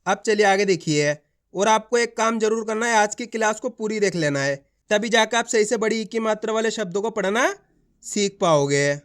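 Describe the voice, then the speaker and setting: A man's voice: sits high, moderate pace, a bit bright. A male teacher giving an online reading lesson, sounding words out syllable by syllable and answering his own questions. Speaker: Hindi teacher.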